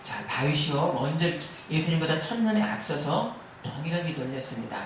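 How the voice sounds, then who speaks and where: A man's voice: a little high, animated, a little fast, slight background noise. A male pastor preaching a sermon, pressing his points with rhetorical questions and calls for amen. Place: church sanctuary during afternoon service. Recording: very echoey hall, mic far off.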